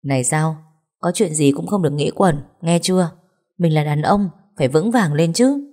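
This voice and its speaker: A woman's voice: deep voice, moderate pace, warm tone. A woman reading as a worried young husband. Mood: concerned.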